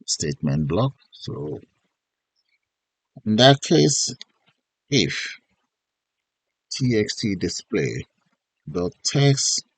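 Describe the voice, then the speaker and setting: A man giving an unscripted software tutorial as an instructor, thinking aloud in short instructional fragments. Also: lowish voice, creaky, slightly rough, dry recording. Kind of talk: unscripted step-by-step screen tutorial narration.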